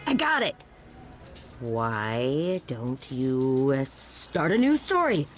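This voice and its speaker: A breezy, nonchalant guide in a Greek myth video game. Her voice is low and lively, and her delivery is offhand. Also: drawn-out words, soft background music, heavily acted. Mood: encouraging. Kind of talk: casual video game acting.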